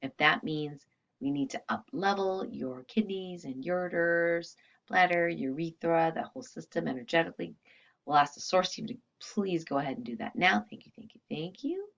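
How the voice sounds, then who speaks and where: Casting: woman with a low voice, energy healing teacher, conversational guide, slightly lo-fi audio. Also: lively intonation, moderate pace, creaky, fairly bright tone. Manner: conversational, with frequent asides and check-ins. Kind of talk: casual talk and guided healing session.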